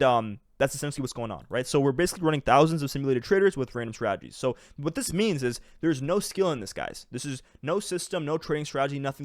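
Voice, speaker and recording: A young man explaining trading math over a screen share, casual and excitable, full of fillers, restarts and "right?" and "okay?" tags. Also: mid-range voice, no echo, studio quality. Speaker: trading educator.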